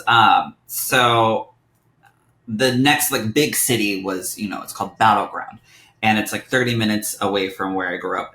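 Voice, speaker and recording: A young adult man, a guest medium, telling his personal story in an animated, chatty podcast interview. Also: on the low side, echoey room.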